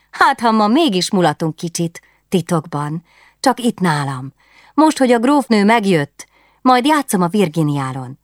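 A woman voicing a headstrong, excitable young noblewoman who gives eager, commanding orders. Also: no echo, clean studio sound, lightly acted. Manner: eager, commanding, high-strung.

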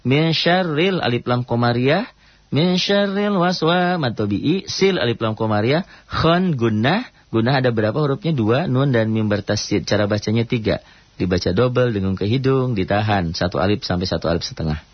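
A man teaching Quran recitation rules on a radio program, rattling off quick explanations and then chanting verses slowly and drawn out. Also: mid-range voice, no echo, lo-fi sound. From Indonesia. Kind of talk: radio tajwid lesson.

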